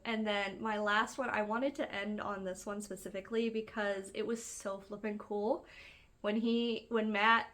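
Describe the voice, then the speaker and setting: A woman's voice: medium pitch, flat delivery, measured pace, fairly bright tone. Chatty woman gushing over a show. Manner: chatty, gushing, many fillers and likes. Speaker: book-reading video host. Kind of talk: casual reaction vlog.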